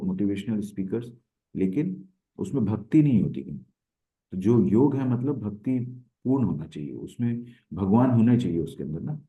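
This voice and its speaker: A man's voice: low-pitched, warm tone. A man teaching an online scripture lesson, explaining patiently and often checking in with his listeners. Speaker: Bhagavad Gita course teacher. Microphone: online class audio. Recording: phone-like narrow sound.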